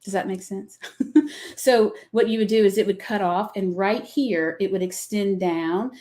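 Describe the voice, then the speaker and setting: A woman's voice: mid-range voice, steady tone, a little slow, mellow. A middle-aged woman with a Southern accent hosts a live craft product demonstration, chatting in a folksy, rambling way. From American South. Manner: chatty, folksy, explains with many fillers. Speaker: craft company host.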